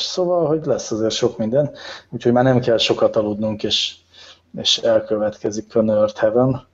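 A man hosting a podcast, leading the conversation in a wry, teasing, casual way. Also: on the low side. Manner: leads the talk, wry and teasing. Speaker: podcast host. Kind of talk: casual chat. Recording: dull lo-fi recording.

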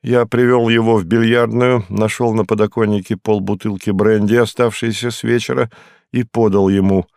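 Low calm guy reading a detective audiobook, dry close sound. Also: vocal fry, no room sound. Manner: calm, measured storytelling. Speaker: audiobook narrator. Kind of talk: first-person literary narration.

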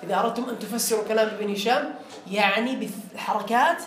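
Guy teaching grammar in class, quick high voice, echoey room. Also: fairly even intonation, a bit bright, slight background noise. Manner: quizzes students, repeats key phrases. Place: classroom with students. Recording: roomy classroom echo.

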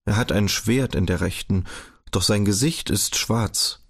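Low-voiced male audiobook narrator. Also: breathy edge. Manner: measured, even storytelling. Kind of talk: audiobook reading.

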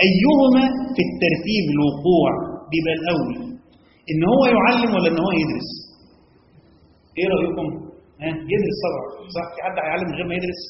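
A man with an Egyptian Arabic accent teaching a classroom lecture on Quran commentary, quizzing listeners with quick questions and reciting verses slowly. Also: high-pitched, lively intonation, slight background noise. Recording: echoey hall, dull lo-fi sound.

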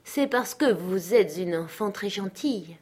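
A woman's voice: mid-range voice, animated, a little slow, darkish tone, slightly rough. A woman reading the part of a plump, middle-aged male dignitary in an audiobook, honeyed and cajoling with a child, then harsh and scolding. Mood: wheedling.

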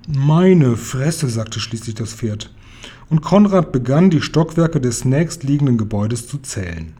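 Ein Mann liest ein Kinderbuch vor und erzählt lebendig und ausdrucksvoll. Seine Stimme liegt etwas höher, klingt weich und gedämpft und hat einen heiseren Hauch. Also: male voice, fairly high pitch, mellow. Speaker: reader. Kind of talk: reading a children's book aloud.

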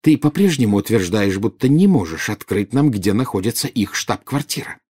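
A man's voice: on the low side, expressive, normal speed, dark tone, slightly rough. A man voicing a furious, jealous witch in an audiobook, bursting out in scornful, indignant retorts.

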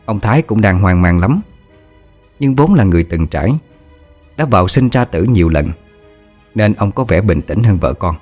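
A man narrating an audiobook ghost story in a steady, dramatic way. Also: on the low side, normal speed, long pauses, soft background music.

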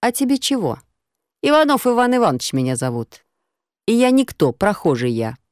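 A woman voicing a rough, cheeky male stranger who talks in coarse slang and drawls his mocking replies. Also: medium pitch, very animated, normal speed, darkish tone, dry recording, studio quality, voice pushed up, close to an everyday voice. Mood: gruff, mocking.

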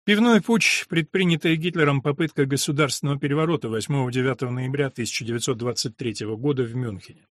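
A man reading a literary audiobook in a measured, even storytelling manner. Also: medium pitch, no room sound, studio quality. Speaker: audiobook narrator.

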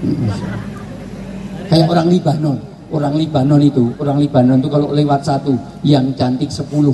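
A man's voice: on the high side, moderate pace, a little hiss or hum, poor audio. A man giving a humorous religious lecture, teasing his audience and acting out quotes. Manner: joking, teasing the audience, lively acted-out quotes. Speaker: preacher.

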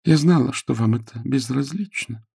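A man reading aloud, voicing a mocking, quick-tongued young woman. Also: mid-range voice, creaky, mellow, breathy edge, dry recording, studio quality, pitched above the performer's own voice. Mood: teasing. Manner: mocking, teasing. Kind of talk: audiobook character voice.

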